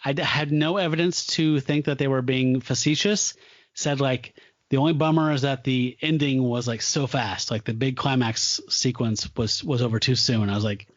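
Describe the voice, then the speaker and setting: A man's voice: mid-range voice, steady tone, normal speed, no room sound, muffled recording. A man hosting a casual podcast chat about a film, rambling loosely and laughing often. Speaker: podcast host.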